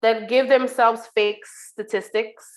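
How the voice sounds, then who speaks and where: A woman's voice: a little high, little pitch movement, slow. A woman co-hosting a casual podcast who presents the news segment, talking thoughtfully and often saying "like". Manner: thoughtful, with frequent "like" fillers. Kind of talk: casual chat.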